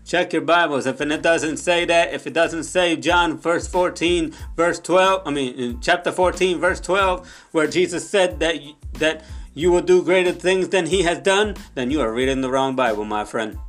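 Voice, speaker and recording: A man preaching an impassioned sermon, emphatic and repetitive, who sometimes slips into soft prayer in Spanish. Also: on the high side, moderate pace, faint music behind.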